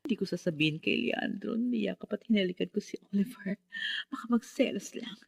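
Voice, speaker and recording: A smug, gloating other woman schemes in this radio drama. Her voice is gravelly and husky, recorded dry and close. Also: mid-range voice, brisk, no room sound.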